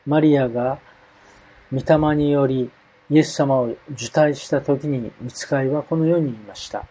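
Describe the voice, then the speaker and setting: Man, sermon, husky voice, mellow tone, measured reading of scripture. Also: medium pitch, fairly even intonation, rough recording. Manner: measured, reads verses aloud with emphasis. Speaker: preacher.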